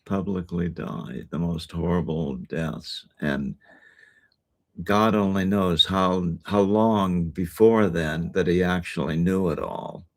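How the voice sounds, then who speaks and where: A man hosting a relaxed conversation, with a very deep voice and a gravelly edge. He speaks slowly and hesitantly, in a laid-back way. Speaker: host. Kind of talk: casual chat.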